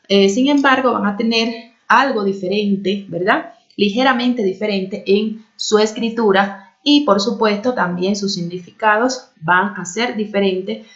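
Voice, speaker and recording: Woman teacher asking "right?" constantly. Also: mid-range voice. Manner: explanatory, constantly checking with "¿verdad?"; frequent hesitations. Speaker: secondary school teacher. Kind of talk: recorded video class. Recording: dull lo-fi audio.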